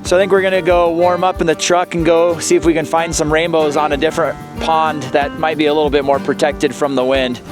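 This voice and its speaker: A man's voice: on the high side, flat delivery, a little fast, few pauses, music in the background. A man narrating a casual fishing vlog, talking outdoors in the wind. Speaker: fishing vlogger. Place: outdoors on a frozen mountain lake.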